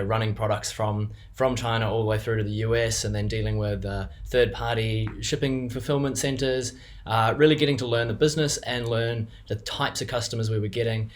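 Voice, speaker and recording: A younger New Zealand man who co-owns a business gives an unscripted client testimonial, hesitating with many fillers and restarts. His voice is fairly low, steady, and fairly quick.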